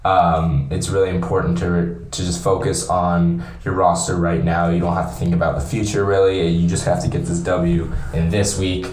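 A man's voice: sits low, flat delivery, normal speed, few pauses, darkish tone. A man co-hosting a casual sports podcast, recorded in a small, echoey, bathroom-like room. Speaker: podcast co-host.

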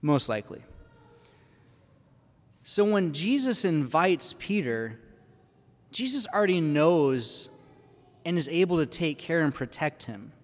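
A man preaching a sermon in an animated, conversational way, full of casual fillers. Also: on the high side, slow, long pauses, long reverb tail. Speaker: priest. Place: church.

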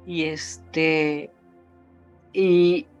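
A woman's voice: sits low, fairly even intonation, very slow, a little mellow, muffled recording, soft background music. A woman in her fifties with a Mexican accent, a guest telling an emotional personal story in a casual interview, her voice rising when she quotes others. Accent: Mexican Spanish. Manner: emotional retelling, voice rising when quoting others, frequent fillers.

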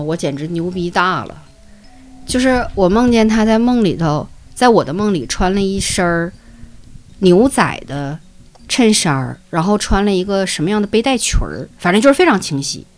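A podcast co-host with a Northeastern Mandarin accent and a mid-range voice tells a ghost story at normal speed. She is earthy and animated, swearing freely while acting out voices and sound effects.

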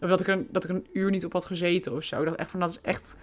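A woman's voice: fairly low pitch, flat delivery, rapid-fire. A woman in her twenties hosting a casual podcast, talking in a blunt, frank and joking way. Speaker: podcast host.

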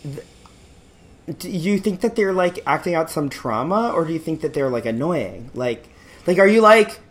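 Podcast co-host, giggly and rambling, with a lively, swooping pitch. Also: a little slow. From rural area. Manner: giggly, laughs often, rambling with many fillers. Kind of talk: casual chat.

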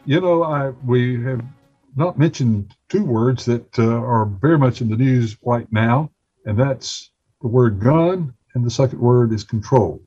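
A man's voice: mid-range voice, measured pace, dark tone, husky, soft background music. A man hosting a broadcast interview show, heard as a dull recording taped off the radio. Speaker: talk show host.

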